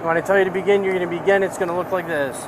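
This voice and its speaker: A man's voice: high-pitched, steady tone, rapid-fire. A male police officer giving methodical, repetitive step-by-step instructions for a sobriety test. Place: outdoor city sidewalk at night. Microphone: body-worn camera on the speaker. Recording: noisy outdoor body camera audio. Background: street and vehicle noise.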